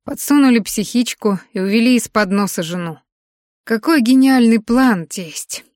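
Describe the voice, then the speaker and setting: A woman reading the part of a bitter, scornful young man in an audiobook, lowering her voice and sneering. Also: normal speed, no echo, clean studio sound, close to an everyday voice.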